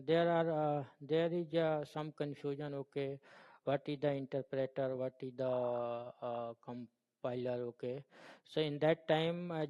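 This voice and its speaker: Halting Indian-accented man, echoey tutorial. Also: dull audio. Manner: halting, repetitive, often checking with "okay?". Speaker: programming tutor. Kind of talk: informal tutorial explanation. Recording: boomy, long room reverb.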